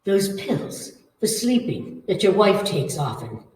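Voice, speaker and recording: In an old-time radio horror piece, a woman plays a menacing, coaxing female ghost hungry for blood and life. Her medium-pitched, sing-song, slightly mellow voice is slow, commanding, taunting and theatrical. The room echoes and she stands far from the mic.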